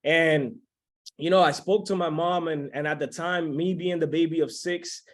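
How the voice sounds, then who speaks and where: The host, a Dominican man in his twenties, speaks on the high side with fairly even intonation and a moderate pace. Running a motivational webinar over video call, he's energetic and keeps asking in with his audience so they stay engaged.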